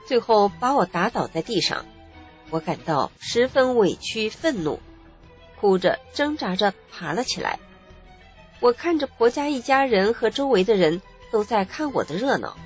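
A woman, earnestly narrating her own life story in the first person. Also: medium pitch. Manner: emotional, earnest recounting.

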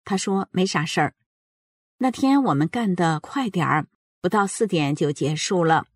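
Older woman, earnest low voice. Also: expressive, no room sound. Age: 70s. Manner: earnest, measured storytelling. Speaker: narrator of a personal account. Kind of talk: reading a personal story aloud.

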